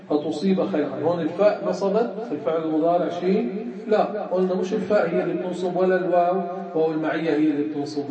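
A man with a Levantine Arabic accent teaching a religious lesson, explaining step by step and quizzing his students. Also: on the high side. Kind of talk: classroom lesson on grammar and creed. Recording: echoey room from far off, muffled, crowd.

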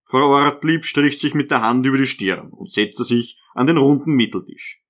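A man's voice: medium pitch, normal speed, fairly bright tone. A man reading a novel aloud. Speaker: audiobook narrator. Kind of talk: literary audiobook narration.

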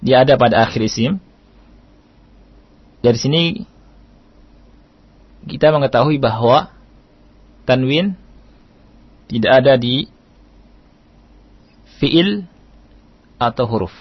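A man teaching recitation rules in an Indonesian radio lesson, patient and repetitive, sometimes chanting verses slowly. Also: medium pitch, husky, dry recording. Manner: patient, repeats key points, chants Arabic verses slowly. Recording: dull dry radio broadcast.

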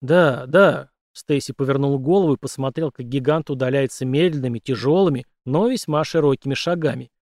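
A man narrating an audiobook in a steady, expressive reading. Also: mid-range voice, fairly quick, hardly any pauses, no room sound, studio quality.

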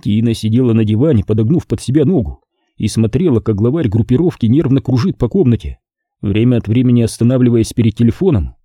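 Husky guy narrating an audiobook, really lively intonation, dry close sound. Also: mid-range voice, quick pace, dry recording. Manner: lively, expressive reading. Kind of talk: scripted narration.

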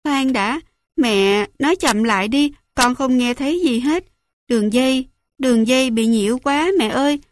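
A woman reads a scared young soldier, pleading and high-pitched, dry close sound. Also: dry recording, close to an everyday voice. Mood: urgent. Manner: pleading, rushed questions. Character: anxious young man, a soldier cook on the phone.

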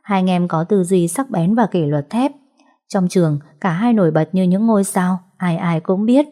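A woman narrating a story in a calm, even, scripted storytelling manner. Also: on the low side, normal speed.

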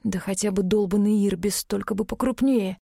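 A woman reading an audiobook, voicing a brash, foul-mouthed young male werewolf twin in a rough, quick voice. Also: medium pitch, fairly even intonation, dark tone, dry recording, clean studio sound. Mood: coaxing, urgent.

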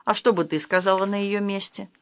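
A woman's voice: medium pitch, fairly even intonation, fairly quick, no echo, lightly acted. A woman reading a curt, irritated husband. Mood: curt irritation. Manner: curt, snapping.

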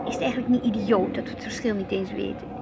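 An actress with a Netherlands Dutch accent plays an inquisitive, reflective wife and mother in a naturalistic radio play, earnest and questioning, and easily piqued at her husband. She talks fast in a mid-range, creaky, near-everyday voice with fairly even intonation; the highs are cut off and noisy street traffic surrounds her outdoors.

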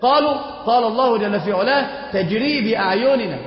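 Fast-talking man lecturing in echoey hall. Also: high voice. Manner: questions students and answers himself. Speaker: Islamic teacher. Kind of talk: classroom lecture on creed. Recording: echoey hall, dull lo-fi sound.

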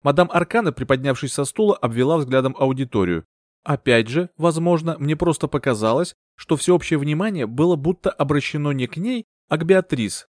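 A man narrating a first-person mystery audiobook in a measured, wry storytelling manner. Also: a little high, lively intonation, dry recording, clean studio sound. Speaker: audiobook reader.

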